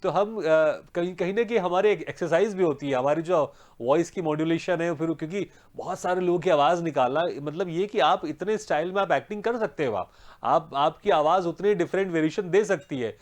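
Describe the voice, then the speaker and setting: A man's voice: on the high side, brisk. Rambling male TV interviewer. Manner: long, rambling questions with repeated words; laughs often, encouraging. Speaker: host, interviewer.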